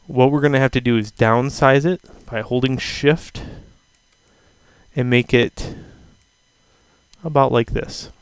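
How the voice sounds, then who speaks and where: Clear-voiced male instructor, dry sound. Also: medium pitch, fairly even intonation, slow pace, long pauses, dry recording. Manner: casual, thinking aloud with fillers. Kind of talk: screen-recorded software tutorial. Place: at a computer, voice-over of screen.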